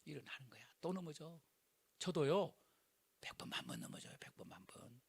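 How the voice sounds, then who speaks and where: A middle-aged male pastor preaching a sermon in an animated, colloquial way, full of rhetorical questions. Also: fairly high pitch, moderate pace, creaky, slightly rough.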